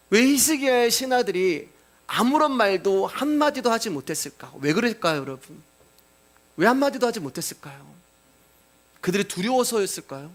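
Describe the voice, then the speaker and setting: A male pastor preaching a sermon, explaining scripture and questioning the congregation with rhetorical questions. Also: high voice. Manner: cues scripture readings aloud.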